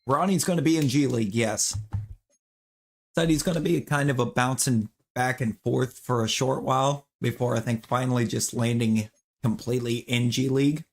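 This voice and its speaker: A man with strong opinions chats casually with his viewers while streaming a game, rambling loosely and restarting sentences as he goes. His voice is at an ordinary male pitch, with a steady tone and normal speed.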